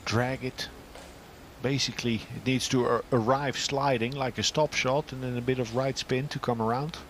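A man from Europe commentating live on a pool match, calmly explaining each shot and position. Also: medium pitch, slight background noise. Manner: measured, analytical shot-by-shot explanation.

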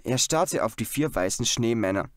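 A man narrating a children's audiobook with expressive, lively storytelling. His voice sits in a middle register and the sound is close and dry. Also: mid-range voice, moderate pace, no echo. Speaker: audiobook reader. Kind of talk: scripted narration.

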